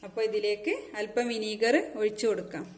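A woman's voice: mid-range voice, steady tone, brisk. A woman hosting her cooking channel, explaining a recipe step by step in a friendly way from her home kitchen. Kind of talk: cooking tutorial narration. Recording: echoey kitchen with faint noise.

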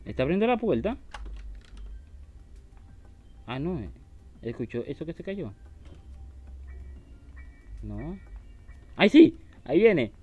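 A man with a rather high, wildly swinging voice talks slowly through a horror game, taunting and mocking the enemy. The recording is a little dull, with faint game music underneath. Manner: taunting, excitable, shrieks when startled. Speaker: gaming YouTuber.

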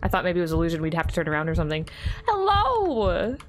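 A young woman commentating her horror game play, jumpy and excitable, often gasping and laughing nervously. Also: low voice, racing, a little hiss or hum. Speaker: gaming YouTuber.

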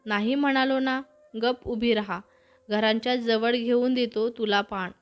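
A woman's voice: fairly high pitch, fairly even intonation, a little slow, muffled recording, soft background music, close to an everyday voice. A woman voicing a stern, protective older brother in a storybook reading, speaking firmly and scolding. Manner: scolding, firm.

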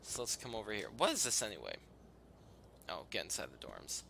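A man giving casual, halting and rambling commentary over a video game as its host. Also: on the low side, wildly swooping pitch, creaky, bright, forceful tone, a little hiss or hum. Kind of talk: casual let's play commentary.

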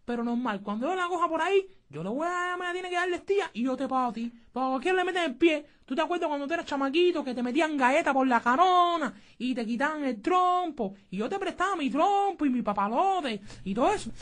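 A squeaky hotheaded Cuban guy. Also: lively intonation, fast, few pauses. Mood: pleading. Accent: Cuban Spanish. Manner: whiny pleading, then yelling in a rage. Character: excitable heartbroken young man, broke and hotheaded. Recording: music playing underneath.

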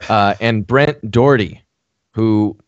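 A man's voice: lowish voice, slow, dry recording, muffled recording. A man co-hosting a casual podcast, chatting with many fillers. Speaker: podcast co-host. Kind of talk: casual chat.

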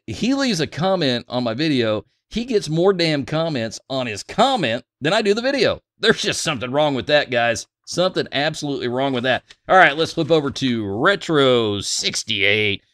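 A man's voice: medium pitch, a bit bright, no echo, clean studio sound. A man hosting a gun channel vlog, reading viewer comments aloud in a joking, crude, self-mocking way.

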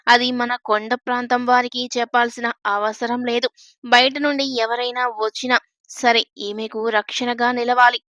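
A woman's voice: fairly high pitch, a bit bright, dry recording, close to an everyday voice. A woman voicing an elderly grey-bearded hill chief who gives firm orders in a storybook reading.

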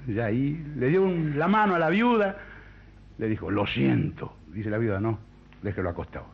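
Animated comedian telling jokes. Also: male voice, a little high. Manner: animated, chatty storyteller. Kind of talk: stand-up joke telling. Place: TV studio. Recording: muffled 1970s TV broadcast.

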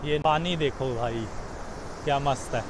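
A man's voice: mid-range voice, a little slow. A man in his thirties, a travel vlogger, chatting casually as he points out sights along the road. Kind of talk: casual travel vlog narration. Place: inside a car and roadside stops. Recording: road and traffic noise behind.

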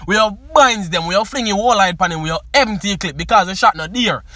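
High bright Jamaican man reviewing songs. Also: expressive, fairly quick, no echo. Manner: emphatic, keeps asking "you see me". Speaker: music reviewer. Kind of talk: casual song commentary.

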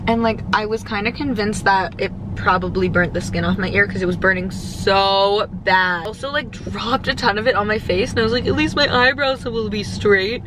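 A woman's voice: medium pitch, normal speed, few pauses, noisy background. A teenage girl chatting casually in a vlog, talking through her day with lots of fillers and giggles. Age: teens. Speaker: vlogger.

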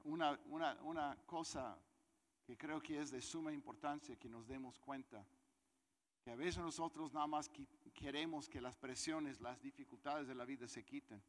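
A man's voice: fairly high pitch, fairly bright tone, long reverb tail. A man preaching a sermon, talking conversationally and putting questions to his congregation. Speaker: pastor.

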